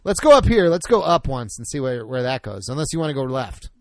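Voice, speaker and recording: Male gamer, casual co-op chat, gravelly texture, dry close mic. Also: mid-range voice, brisk, no echo. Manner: excitable, swears often, explains mechanics. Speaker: co-op game player.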